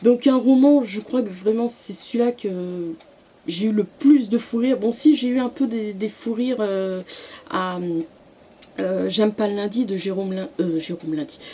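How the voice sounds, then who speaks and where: A young woman chatting casually about books she loves, often pausing, restarting and filling gaps with "euh" and "voilà". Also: mid-range voice, dark tone, a little hiss or hum. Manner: hesitant, many fillers and restarts. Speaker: book vlogger. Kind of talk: casual book review vlog.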